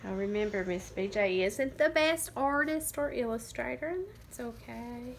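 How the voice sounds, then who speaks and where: A young woman teaching kindergarten phonics, sounding out letters slowly and praising the children. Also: a little high, vocal fry, a little hiss or hum. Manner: slow, encouraging, sounds out letters.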